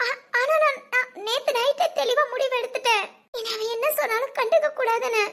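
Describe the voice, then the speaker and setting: A woman doing a squeaky, weepy teenage girl. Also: steady tone, a little fast, crowd noise. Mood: tearful, anxious. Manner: tearful, hesitant, stammering. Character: anxious teenage girl, confused by love. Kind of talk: cartoon voice acting.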